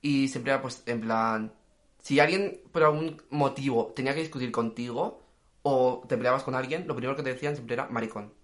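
Young male podcaster, rapid and chatty. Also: medium pitch. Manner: fast, slangy, animated storytelling. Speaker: podcast co-host. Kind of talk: casual chat.

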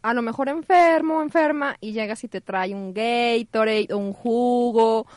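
A woman's voice: on the high side, a little slow, dry recording, studio quality. A woman with a Mexican accent in casual chat, teasing and giving everyday examples. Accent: Mexican Spanish.

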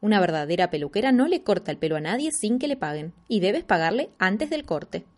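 A woman's voice: medium pitch, very animated, a little fast, a little mellow. A woman voicing a bossy, cheeky little girl who plays hairdresser in a storybook reading.

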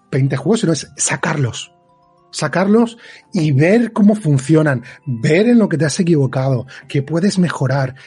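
A man's voice: fairly high pitch, darkish tone, slightly rough. A man with a Spain Spanish accent, a guest game developer giving emphatic career advice on a podcast, often checking in with the listener. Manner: emphatic, advisory, checks in with "¿vale?" and "¿sabes?".

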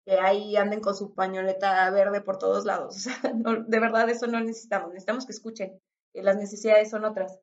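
A woman with a Mexican accent in a casual discussion, talking emphatically with many fillers and short laughs. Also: mid-range voice. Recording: dull lo-fi sound.

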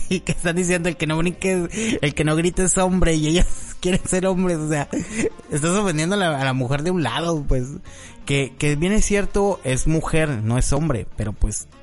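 Chatty man hosting a discussion. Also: a little high. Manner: chatty, laughs often, many fillers. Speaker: host. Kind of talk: casual discussion. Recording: faint music behind.

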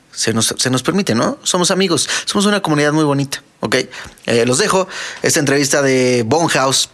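Joking Mexican podcast host, quick talker. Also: male voice, medium pitch, a bit bright. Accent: Mexican Spanish. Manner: joking, quick, many "eh" fillers. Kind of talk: casual podcast chat.

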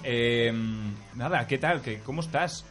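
A man co-hosting a radio show, joking and excitable in casual chat. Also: medium pitch, measured pace, music in the background. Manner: jokey, excitable. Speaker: radio co-host.

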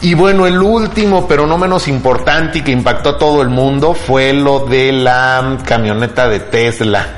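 A man's voice: medium pitch, normal speed, hardly any pauses. A middle-aged man with a Mexican accent, talking as a host in a casual, colloquial tech news chat and often tagging on small questions for agreement. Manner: conversational, colloquial, seeks agreement with tags. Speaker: podcast host. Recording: background music.

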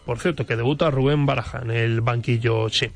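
A man's voice: mid-range voice, fairly even intonation, fairly quick, gravelly. A man with a Spain accent delivering a scripted sports report on radio.

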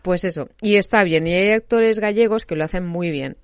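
A woman chatting casually as a podcast co-host, talkative and quick to laugh, with lots of fillers. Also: lowish voice, clean tone, no echo, studio quality. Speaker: podcast co-host reviewing a series. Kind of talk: casual chat.

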